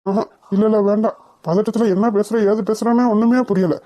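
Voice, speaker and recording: A woman voicing a calm, reassuring middle-aged husband in a cartoon. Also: mid-range voice, lightly acted. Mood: calm, concerned. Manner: reassuring, measured. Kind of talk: cartoon voice acting.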